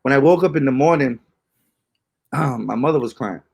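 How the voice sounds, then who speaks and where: A man's voice: mid-range voice, normal speed, creaky, a little mellow, husky. A young man co-hosting a podcast, telling ghost stories in casual, slangy, rambling chat with lots of fillers. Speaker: podcast co-host.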